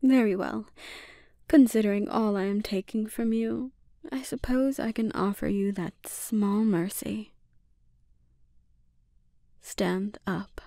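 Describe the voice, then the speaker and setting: A woman voice actor performs a slow, whispery Scarlet Witch for an ASMR roleplay, her mid-range, mellow voice breathy and often half-whispered. She plays a dominant, menacing witch, coldly seductive, smug and indulgent, speaking deliberately with condescension. The sound is clean studio quality with no echo.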